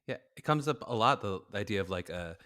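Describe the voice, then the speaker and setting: A man hosting a casual interview, encouraging his guest with quick remarks. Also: fairly low pitch, animated, pushed and bright, clear, resonant tone. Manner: quick encouraging talk, many backchannels. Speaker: host, program director.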